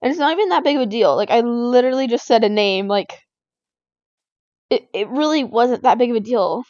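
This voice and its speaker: A high-pitched teenage girl talks casually while she plays a game, rambling through a story full of fillers and quoted dialogue. The recording sounds dry and a little dull, with no room echo. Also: expressive, a little fast, darkish tone. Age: teens. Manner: rambling, filler-heavy retelling of school drama. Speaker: gaming vlogger.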